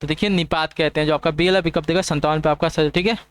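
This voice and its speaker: A man's voice: on the high side, steady tone, clear, resonant tone, no echo. A young man teaching an online exam prep class, stepping through quiz questions and checking in with students often. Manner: fast, repetitive checking-in with students.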